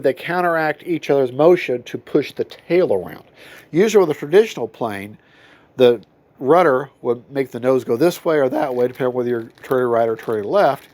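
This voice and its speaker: Slightly high and a little mellow, this man's voice is stuffed up from a cold as he reviews a model plane at home. It's a casual unboxing in his hobby room, delivered in a rambling, folksy way with plenty of self-corrections.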